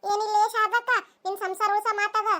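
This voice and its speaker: A scheming cartoon village neighbor who passes on gossip in a very high, bright voice, as a woman voices her. She speaks with a North Karnataka Kannada accent. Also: fairly even intonation, moderate pace. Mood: sly. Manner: confiding, gossipy.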